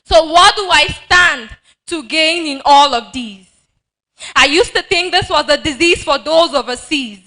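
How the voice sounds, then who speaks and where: High-voiced woman reciting a slow poem. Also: sharp tone, poor audio. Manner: slow, dramatic, rhyming delivery. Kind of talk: recited spoken-word poem.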